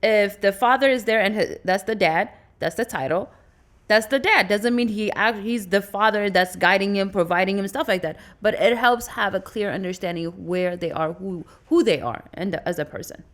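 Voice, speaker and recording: A woman's voice: medium pitch, moderate pace. Laughing, outspoken woman from Ethiopia. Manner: laughs often, animated, blunt. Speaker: podcast co-host. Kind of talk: casual chat.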